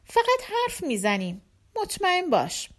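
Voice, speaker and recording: A woman voicing a relaxed middle-aged husband who jokes and reassures. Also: very high voice, voice pushed up, exaggerated voice. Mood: casual.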